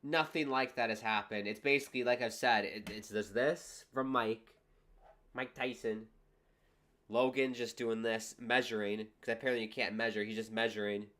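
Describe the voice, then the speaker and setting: A man's voice: mid-range voice, steady tone, moderate pace, sharp tone. A man hosting a livestream, giving casual, wry and exasperated reactions to a boxing match as it plays. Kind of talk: casual live commentary.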